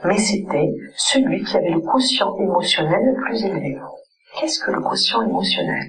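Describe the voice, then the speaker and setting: A woman's voice: lowish voice, very animated, moderate pace, poor audio. Earnest woman lecturing to a crowd. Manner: earnest, often checking in with the audience. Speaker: child psychologist giving a talk. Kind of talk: conference lecture. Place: conference hall with an audience.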